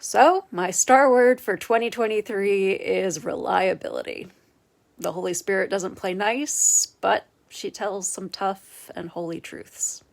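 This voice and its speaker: A woman's voice: mid-range voice, slow pace, vocal fry. A woman in her thirties, an Episcopal priest, giving a candid, earnest personal reflection. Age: 30s.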